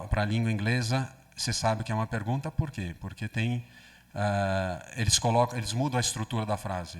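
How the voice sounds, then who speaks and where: A priest gives a conversational teaching talk, often checking in with the group. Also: male voice, fairly low pitch. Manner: conversational, often asks listeners "né?". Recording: long hall reverb.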